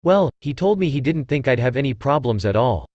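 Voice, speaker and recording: A brash young male ninja turned bitter and weary, with a sarcastic edge, as a man reads his lines aloud. His pitch swings widely, and the sound is dry and close. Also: animated, a little fast, a little mellow, no echo, lo-fi sound, natural voice.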